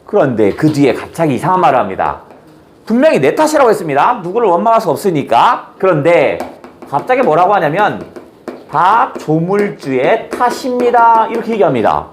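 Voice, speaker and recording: A man's voice: a little high, huge pitch swings, fast talker, a little hiss or hum. A man teaching a literature class in a playful, colloquial way with blunt slang. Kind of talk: classroom lecture.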